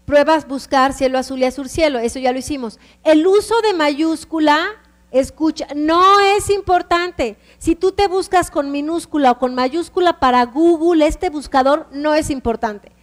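A woman's voice: high-pitched, measured pace, long reverb tail. A woman with a Mexican Spanish accent teaching a computer class, explaining step by step and often checking that the students follow.

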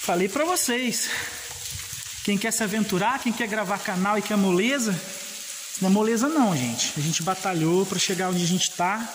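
Brazilian explorer vlogger, echoing tunnel voice, fairly high-pitched, chatty with viewers, handheld camera. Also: male voice, moderate pace, noisy background. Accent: Brazilian Portuguese. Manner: chatty, repeats himself, calls viewers "pessoal". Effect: echo of a long dark rock tunnel. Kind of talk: casual walk-through commentary to viewers. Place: inside an old railway tunnel with dripping water. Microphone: handheld camera, front camera at times.

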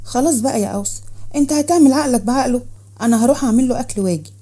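Woman as a calm Egyptian young mother. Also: high-pitched, racing, slightly rough. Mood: soothing.

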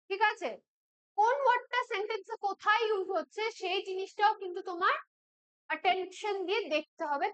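A woman from West Bengal teaching spoken English in a classroom-style lesson. She keeps checking in with her listeners and says English examples slowly and deliberately. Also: extremely high pitch, a bit bright.

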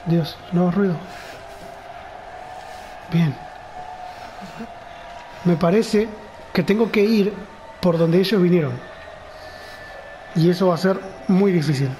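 A gamer with a Rioplatense Spanish accent narrates a horror game let's play, muttering nervously and fearfully to himself. His high, mellow voice moves slowly with frequent pauses. The recording is rough, with slight background noise.

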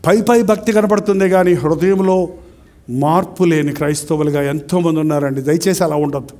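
Middle-aged male preacher with a high voice, delivering a sermon full of rhetorical questions. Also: a little fast, darkish tone. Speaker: pastor.

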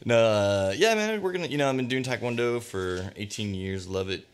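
A man as a podcast guest, chatting casually and cracking crude deadpan jokes. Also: mid-range voice, moderate pace, clear, resonant tone. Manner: joking, crude, deadpan bits. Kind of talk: casual chat.

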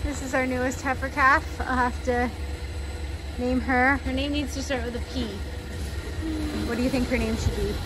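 A woman in her thirties, a dairy farm vlogger and mother, narrates casually outdoors on a snowy farmyard, holding her phone at arm's length. Her high-pitched voice stays level at a moderate pace with frequent pauses. The recording is rough, with clear wind and vehicle noise.

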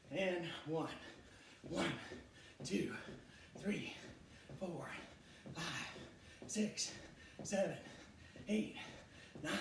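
Male aerobics instructor, middle-aged, encouraging, short repeated cues; recorded far from the mic with faint noise. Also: sits high. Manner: encouraging, counting aloud, short repeated cues while exercising. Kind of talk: aerobics instructor leading a home workout. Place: living room, indoors. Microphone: camera several metres away. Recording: roomy echo, distant mic, faint noise.

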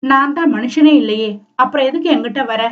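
A woman's voice: sits high, a little fast, far from the mic, lightly acted. A woman plays a sulky young husband who answers in curt, grumbling bursts. The audiobook recording is dull and lo-fi.

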